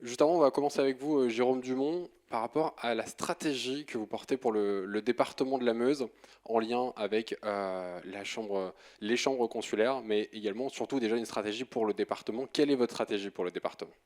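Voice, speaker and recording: Panel moderator dude, stumbles n repeats words, introducing the speakers. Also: male voice, medium pitch, a little fast, a little mellow.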